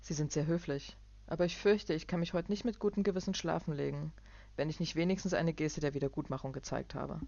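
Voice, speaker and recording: A suave hotel magnate speaks calmly and courteously, with quiet menace underneath, as a woman reading her book puts him on. A gravelly texture runs through the voice. The recording is dry and dull. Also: deep voice, brisk, no echo. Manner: smooth and calm, cutting when crossed.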